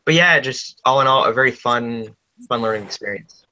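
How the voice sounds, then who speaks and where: A man's voice: mid-range voice, normal speed, pushed and bright, slight background noise, low-quality recording. A man, a cast member in a casual online Q&A, answering with dry, hesitant humor.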